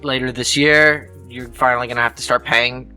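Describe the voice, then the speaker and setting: Bright-voiced, enthusiastic man. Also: medium pitch, fairly even intonation, moderate pace, faint music behind. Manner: enthusiastic, repeats words. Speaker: co-host. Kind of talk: casual chat.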